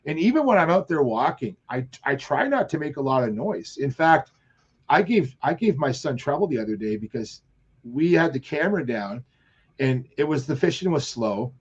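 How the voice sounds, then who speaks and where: Casting note: man, fairly high voice, rambling fishing storyteller, lo-fi muffled sound. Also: moderate pace, husky. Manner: rambling storyteller, animated quotes. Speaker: fishing show regular. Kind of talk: casual chat on live show.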